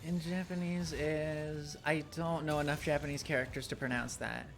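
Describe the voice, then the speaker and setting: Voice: mid-range voice, steady tone, moderate pace, soft background music. A streamer chatting casually while playing, rambling with lots of ums and small laughs. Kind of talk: casual chat while gaming.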